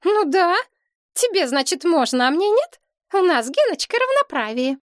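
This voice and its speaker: A woman voicing a bratty, greedy bleached young woman in an audiobook, squeaky and capricious. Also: very animated, moderate pace, no echo, clean studio sound. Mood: whiny. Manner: shrill and capricious.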